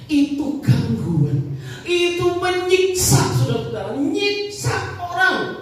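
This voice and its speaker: Animated woman pastor in an echoey hall. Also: very high voice, slow. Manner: animated storytelling with exclamations. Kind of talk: sermon. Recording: echoey hall from far off, faint noise.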